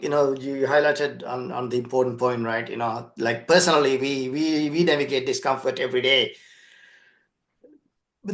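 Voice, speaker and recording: An earnest man co-hosting a podcast talks about business change. He repeats words as he goes and often ends a thought with "right?". His mid-pitched voice sounds roomy and echoey. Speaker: podcast co-host, transformation consultant. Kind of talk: conversational business podcast discussion.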